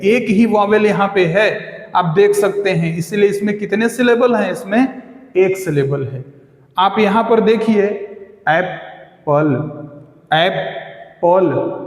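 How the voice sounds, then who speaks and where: High-voiced man teaching in an echoey room. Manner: explains slowly, asks the class questions and answers them himself; repeats example words slowly. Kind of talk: exam-prep lesson. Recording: echoey room with long reverb.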